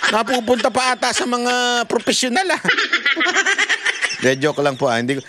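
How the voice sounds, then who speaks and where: A man with a high voice talks through casual political commentary, his pitch leaping all over as he laughs and mocks. He keeps breaking into laughter between his points. Heavy noise sits under the recording the whole time. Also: normal speed. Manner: laughing often, mocking and animated. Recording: loud background noise.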